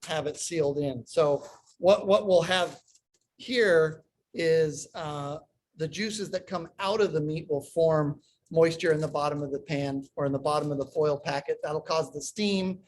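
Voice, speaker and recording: A man's voice: a little high, slight background noise. Man on a choppy call, volume dropping in and out. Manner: explains step by step while handling the food. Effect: audio cutting in and out, uneven volume over an unstable internet call. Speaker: cooking instructor. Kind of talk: live online cooking demonstration. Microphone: video call.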